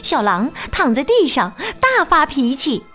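A woman teacher reading a children's picture book aloud, expressive and sing-song with plenty of exclamations. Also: high voice, measured pace, faint music behind. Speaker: storyteller teacher.

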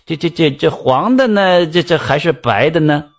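A man's voice: a little high, expressive, moderate pace, vocal fry. A man doing a sly old swindler soothsayer. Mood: stammering mutter. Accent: Northeastern Mandarin. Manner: theatrical, switches from panicky wails to stern bluster. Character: sly old swindler fortune-teller, crafty fake soothsayer.

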